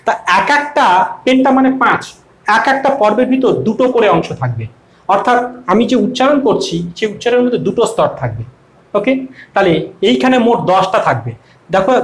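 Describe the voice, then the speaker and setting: Bengali male teacher, animated, high-pitched, explaining and drawing out words, echoey room. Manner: lively, sing-song, drawn-out recitation. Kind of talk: explaining a poem to students.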